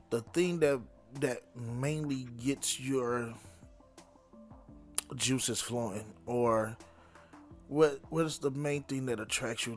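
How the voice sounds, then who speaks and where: A man hosting a casual late-night panel show, often repeating his phrases for emphasis. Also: mid-range voice. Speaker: podcast host.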